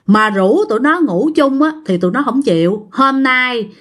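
A woman's voice: a little high, normal speed. Woman telling a ghost story, bouncy voice that goes way up and down. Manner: lively, acts out the quoted voices. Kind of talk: storytelling to an audience.

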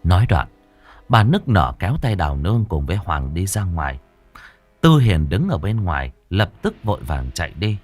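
A man narrating a ghost story audiobook with dramatic, expressive storytelling. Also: sits low, moderate pace, faint music behind.

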